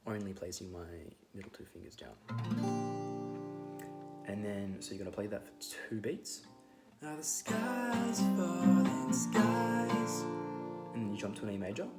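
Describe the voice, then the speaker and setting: A man with a hoarse voice giving a relaxed guitar lesson, rambling with many fillers as he explains the chords. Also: on the low side, a little fast, long pauses. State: losing his voice. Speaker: guitar teacher. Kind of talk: casual guitar tutorial. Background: his own loud acoustic guitar playing.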